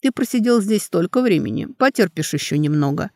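A stern young man , read by a woman, talks in a quiet, flat and measured way, slow and steady. His voice sits low and dry in this audiobook reading. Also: no echo. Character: calm stern young man, protective brother.

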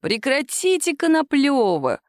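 A woman voicing a calm, caustic male police captain who questions a suspect slowly in an audiobook. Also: on the high side, no room sound. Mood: dry. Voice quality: nagging, dry. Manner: slow, calm, measured interrogation.

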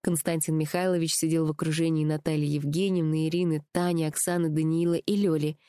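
A woman narrating an audiobook with an even, measured reading. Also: low-pitched, clear, resonant tone, no echo, clean studio sound.

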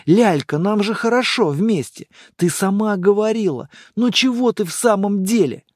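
A man's voice: sits high, animated, normal speed, no room sound, studio quality, pitched above the performer's own voice. A man voicing a bewildered young man who pleads and makes excuses to his girlfriend. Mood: pleading.

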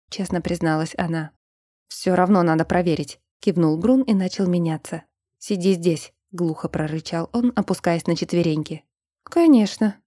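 A woman narrating a fantasy audiobook in a steady, even storytelling manner. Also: mid-range voice, no echo, clean studio sound.

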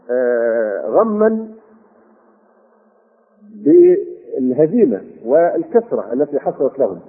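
An older man with an Egyptian Arabic accent giving a Quran commentary lesson, explaining with rhetorical questions and drawn-out fillers. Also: fairly high pitch. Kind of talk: classroom tafsir lesson. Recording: phone-like husky lo-fi.

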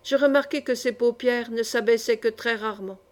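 A woman narrating a classic short story in a measured, dramatic way. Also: fairly high pitch, fairly even intonation. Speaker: audiobook reader. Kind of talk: literary narration.

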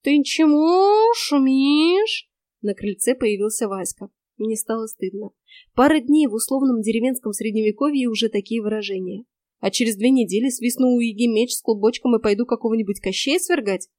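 Audiobook narrator: woman, fairly high voice, wry and lively, dry close mic. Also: a little fast, no room sound. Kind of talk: first-person fantasy audiobook narration.

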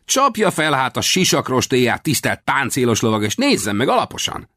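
A man voicing an eager, cheeky young boy who chatters in a high, excited, boastful way in an audiobook. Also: no room sound, studio quality. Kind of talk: audiobook character voice.

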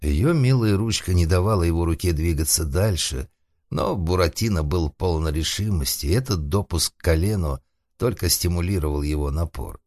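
A man reading a humorous story aloud as narrator, wry and deadpan, with asides to the listener. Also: low voice, normal speed, no echo, studio quality. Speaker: audiobook narrator.

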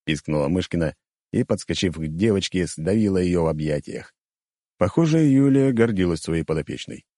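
A man narrating a fantasy audiobook in the first person, measured and even. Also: sits low, no room sound, clean studio sound.

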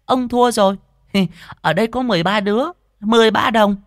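A man voicing a cheeky, clever village boy in a ghost story, speaking in a high, teasing voice. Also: fairly quick, no echo, studio quality.

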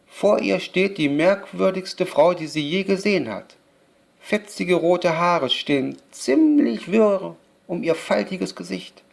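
A man's voice: high voice, takes it slowly, vocal fry. A man reading a children's story aloud, unpolished, restarting lines and laughing at his slips.

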